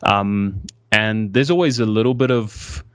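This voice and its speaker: In a relaxed conversational interview, a twenty-something guest from South Africa thinks things through, frequently revising what he says partway through. His lowish voice is clear and resonant, delivered at a measured pace in a dry recording.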